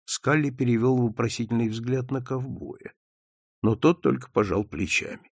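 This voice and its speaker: A man's voice: mid-range voice, moderate pace, breathy edge, dry recording, clean studio sound. A man narrating an audiobook story with a dramatic, vivid reading. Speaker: audiobook reader.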